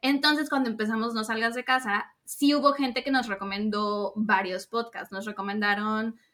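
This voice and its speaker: A woman with a bright, fairly high voice chats casually on a podcast. She tells things informally, in a giggly way. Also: fairly even intonation, moderate pace. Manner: giggly, prone to laughing while talking.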